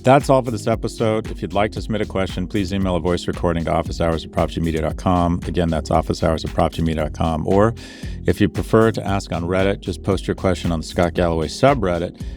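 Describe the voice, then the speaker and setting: A man's voice: sits low, steady tone, fast, darkish tone, soft background music. A middle-aged man hosting a podcast, answering a listener's question in a blunt, wry, self-mocking way. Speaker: podcast host. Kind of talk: casual podcast advice and ad read.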